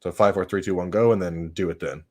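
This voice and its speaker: A man's voice: sits low, quick pace. A young man hosting a casual live watch-party stream, chatting and reading out viewer comments. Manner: relaxed, reads out viewer comments.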